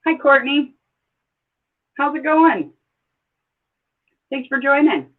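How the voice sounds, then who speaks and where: An older woman hosts a casual livestream, chatty and quick to get excited, with exclamations and rambling asides. Her voice comes through thin and phone-like, as if it were captured on a handset or webcam. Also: high voice. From Southeast Idaho, USA. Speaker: livestream host. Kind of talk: casual live-stream chat. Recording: tinny phone-like sound.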